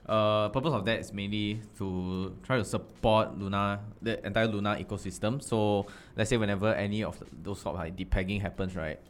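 A man with a Singaporean accent explaining things casually and a little haltingly, ending phrases with "lah". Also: on the low side, steady tone. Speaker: panelist.

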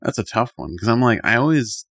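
A man co-hosting a podcast in casual chat, relaxed and rambling, with many fillers. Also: medium pitch, brisk, no echo, studio quality.

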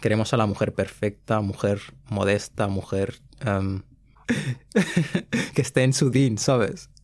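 Young male podcast host, low voice, earnest and relaxed, slangy casual chat. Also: moderate pace. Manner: earnest, laid-back slang, frequent "¿sabes?" and English fillers.

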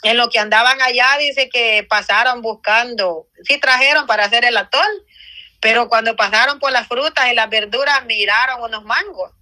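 A woman's voice: a little high, normal speed, bright, forceful tone. A woman telling her personal faith testimony in an earnest storytelling manner, acting out what others said. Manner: earnest storytelling with quoted dialogue. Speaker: church member giving testimony.

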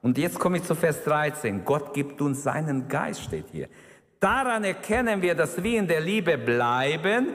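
A man's voice: fairly high pitch, very animated, unhurried, a bit bright. Fervent male preacher in a reverberant hall. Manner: fervent, emphatic preaching with exclamations. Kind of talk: sermon.

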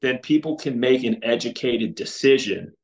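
A man's voice: medium pitch, animated, moderate pace, low-quality recording. A man as a podcast guest, talking earnestly in casual conversation with frequent restarts and filler words.

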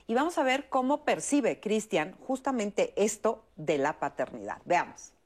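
A woman's voice: medium pitch, very animated, a little slow. A woman hosting a talk show, affirming her guests and introducing segments. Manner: affirming, frequent back-channel "ujú". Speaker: host.

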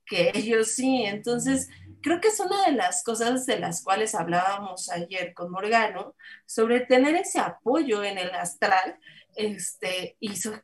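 A woman, co-hosting a casual chat, talking in a chatty way with many fillers and reading out viewer comments. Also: mid-range voice. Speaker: co-host.

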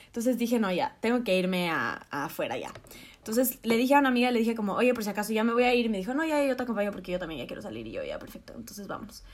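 A woman, co-hosting a podcast and telling a story in a lively, laughing way with slang and quoted asides. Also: a little high, racing. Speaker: podcast co-host. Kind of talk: casual storytelling chat.

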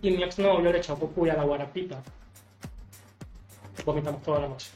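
Playful young Venezuelan podcast guest. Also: male voice, fairly high pitch, steady tone, fairly quick, a little mellow, reverberant, soft background music. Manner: playful, storytelling, giggly. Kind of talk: casual podcast chat. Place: room in the host's home.

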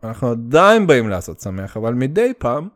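A man's voice: medium pitch, big pitch swings. A man from the Soviet Union with a Russian accent, hosting a casual solo podcast in a blunt, sweary, rambling way with English slang mixed in. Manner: rambling, stop-start delivery. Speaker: podcast host.

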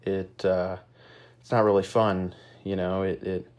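A man's voice: low voice, flat delivery, measured pace, a little mellow. A young man hosting his own podcast alone, rambling and reflective with many fillers and casual swearing, a little out of breath and with a stuffy nose. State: slightly out of breath. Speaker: podcast host. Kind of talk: casual solo podcast monologue.

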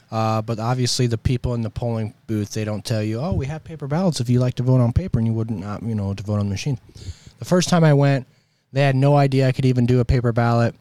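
American man with a sore throat, dark-toned. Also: medium pitch, no room sound. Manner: emphatic, exasperated, colloquial. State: sore throat with coughing and throat clearing. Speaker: host of a political commentary show. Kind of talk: opinionated political monologue.

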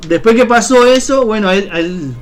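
A man's voice: sits high, normal speed, faint music behind. A man with a Uruguayan accent, a radio co-host telling a personal story in a rambling way, full of fillers and restarts. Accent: Uruguayan Spanish. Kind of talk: casual spoken storytelling on radio.

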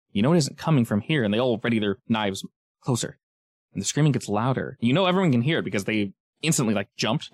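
Low-voiced man narrating as game master. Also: dry recording, studio quality. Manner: casual, descriptive, pauses to search for words. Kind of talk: improvised narration of a tabletop game.

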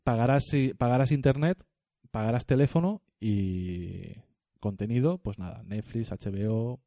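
A man co-hosting a podcast in a relaxed, agreeable way. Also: medium pitch, measured pace, vocal fry, dry recording, studio quality. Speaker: podcast co-host. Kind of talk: casual podcast chat. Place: home, over a Skype call.

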